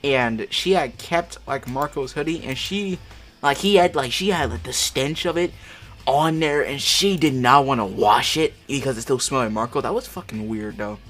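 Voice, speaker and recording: A man of medium pitch and slightly bright tone reads amateur fiction at a moderate pace. He's a casual fanfic reader and commentator who pauses for swearing, slangy disbelief, all with music in the background.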